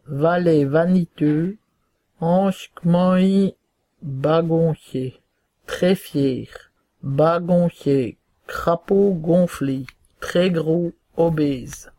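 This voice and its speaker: A man reads dialect dictionary entries one by one, giving each word, its variants and then its meaning. He goes very slowly and deliberately in a somewhat high voice. The sound is dry and close, with no room echo. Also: dark tone. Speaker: reader of a regional dialect glossary. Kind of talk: slow reading of dictionary entries.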